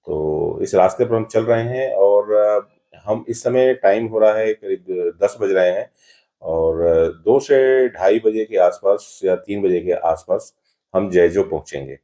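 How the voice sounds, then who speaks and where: A man hosting a casual travel vlog, narrating in an unhurried way with frequent "uh" pauses. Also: on the low side, warm tone. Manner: unhurried, pauses often with "uh" fillers. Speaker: travel vlogger host. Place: driving on hilly roads, then at a roadside dhaba and outdoors.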